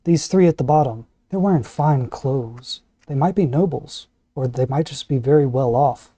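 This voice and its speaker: A man's voice: mid-range voice, normal speed, dark tone, no echo. A man casually narrating a tabletop role-playing game as game master.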